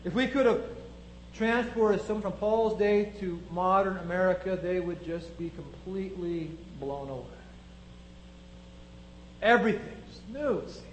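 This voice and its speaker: Man, high voice, reflective sermon, rhetorical questions, roomy echo. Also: unhurried, a little hiss or hum. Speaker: preacher.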